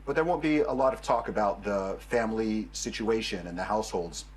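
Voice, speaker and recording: A man speaking as a guest on a talk show, laying out his point in a calm, reasoned way. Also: lowish voice, a little fast, rough recording. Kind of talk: measured studio discussion.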